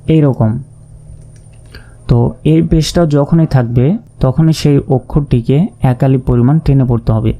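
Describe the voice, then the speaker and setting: Man going over quran letters really slowly, deep mellow voice, says each sound twice, some music behind. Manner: slow, drilling each letter and vowel sign with repetitions; stresses common pronunciation mistakes. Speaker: Quran reading teacher. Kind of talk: step-by-step recitation lesson.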